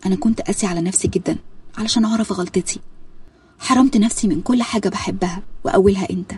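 A woman voices a shy young Egyptian bride who talks earnestly about her faults. Her voice is mellow and quite husky, with a quick pace. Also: mid-range voice. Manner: earnest, sheepish.

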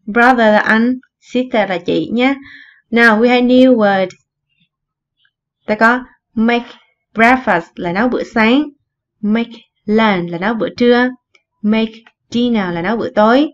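A woman teaching an English lesson, explaining words in Vietnamese and slowly repeating the English phrases. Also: on the high side, dull audio. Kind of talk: recorded online lesson explaining vocabulary.

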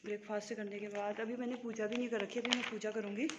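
A woman's voice: mid-range voice, level tone, quick pace, highs cut off. A woman from Uttarakhand chatting casually to her phone camera as she walks along an outdoor road, teasing the people she meets. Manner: chatty, teasing, talks to the camera while walking. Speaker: vlogger. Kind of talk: casual walking vlog chat. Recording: noisy outdoor street sound.

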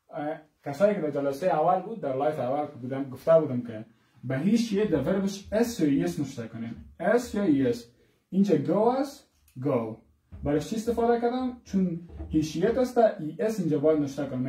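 A man teaching English grammar, repeating example sentences slowly and asking the class rhetorical questions. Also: a little high, mellow, roomy sound, distant mic. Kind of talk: grammar lesson.

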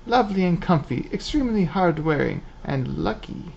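A man's voice: on the high side, animated, normal speed, vocal fry, a little mellow, lo-fi sound, a little hiss or hum, pitched above the performer's own voice. A man voicing a fussy old shopkeeper lady who hoots like an owl. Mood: prim. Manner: prim, hooting.

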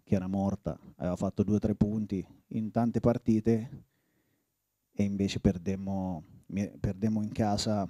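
Dark-voiced man reminiscing, halting. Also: fairly low pitch, dry recording, studio quality. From Italy. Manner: reflective, halting, often restarts phrases. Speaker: former footballer. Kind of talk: reminiscing interview.

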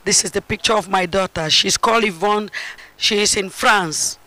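A middle-aged woman from Cameroon giving an earnest, halting testimony at a church, speaking into a handheld mic on a large indoor stage. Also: medium pitch, sharp tone, no echo, low-quality recording. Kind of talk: spoken testimony.

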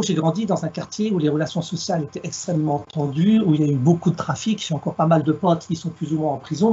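On a headset video call from a room at home, a middle-aged Alsatian man tells stories reflectively as an invited guest. His voice is slightly high, darkish and husky, with the highs cut off. His manner is measured and contemplative, full of wordplay.

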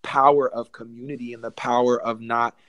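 A man's voice: mid-range voice, flat delivery, brisk, a bit bright, no room sound, lo-fi sound. Young male podcast guest, earnest and preachy, mid-range voice, dry recording. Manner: earnest, preachy, addresses listeners as y'all. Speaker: podcast guest, gospel artist. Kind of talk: casual testimony chat.

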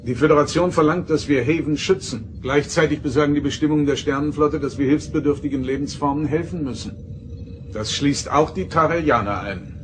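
An actor playing an authoritative starship captain, formal and deliberate, in a German science-fiction radio drama. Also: male voice, on the high side, a little hiss or hum, natural voice. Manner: formal, commanding.

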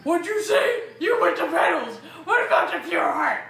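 A roomy, distant recording has a woman playing a brash monster king from a video game. The voice is high and forceful, full of scornful bluster and boasting. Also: big pitch swings, normal speed, creaky, soft background music, heavily acted. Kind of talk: reading video game dialogue aloud. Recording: roomy, distant mic, faint noise.

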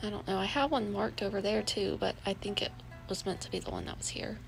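A woman's voice: mid-range voice, fast, gravelly, poor audio. A woman streamer giving casual, musing gameplay commentary and addressing chat as y'all. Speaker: game streamer. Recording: game music playing behind.

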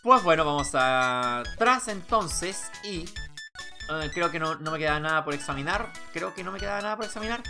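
A woman's voice: low voice, animated, moderate pace. A woman casually playing through a game, reading dialogue aloud and commenting as she goes. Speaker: game player doing a dubbed playthrough. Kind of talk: casual playthrough with read-out dialogue. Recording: game music behind the voice.

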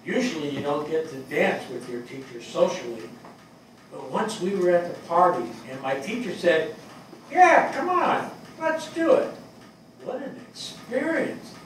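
In a stage reading before a live audience, an older man plays an earnest, plainspoken New York fire captain reminiscing fondly, speaking with shy enthusiasm, colloquially and haltingly, with emphasis. His voice is a little high and sing-song. A distant mic captures echo and noise from the hall.

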